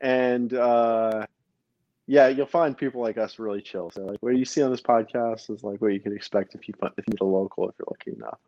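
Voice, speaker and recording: A man's voice: on the low side, fairly quick, mellow, no room sound. A man from Brooklyn hosting a podcast in casual chat, rambling with plenty of fillers and restarts. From Brooklyn, New York. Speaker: podcast host. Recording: dull lo-fi dry sound.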